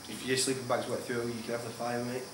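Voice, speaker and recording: Man heard far off through loud hiss. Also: medium pitch, level tone, fast talker. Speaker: hiker. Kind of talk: casual chat. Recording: echoey room, far off, loud noise.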